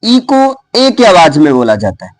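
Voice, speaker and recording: A man's voice: high-pitched, huge pitch swings, no room sound. A man with an Indian accent teaching English pronunciation, spelling words out letter by letter and checking in with his class. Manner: spells words out slowly letter by letter, then says them. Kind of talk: lively classroom explanation.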